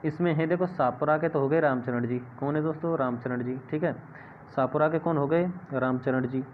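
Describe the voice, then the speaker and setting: A man gives an exam-prep lesson, slightly high in pitch, often asking a question and repeating the answer. The audio is thin and phone-like, with a faint hiss underneath. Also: moderate pace. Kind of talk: classroom-style exam lesson.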